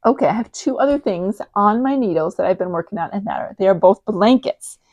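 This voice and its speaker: A woman's voice: mid-range voice, lively intonation, brisk, darkish tone, no room sound, highs cut off. A woman in her forties hosting a knitting podcast, chatting casually with frequent ums and restarts. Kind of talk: casual show-and-tell chat.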